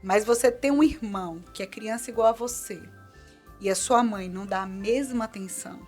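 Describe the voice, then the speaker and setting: A middle-aged Brazilian woman speaking as a guest in an interview, earnest and animated, repeating points for emphasis. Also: medium pitch, moderate pace, faint music behind. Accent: Brazilian Portuguese. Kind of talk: conversational interview.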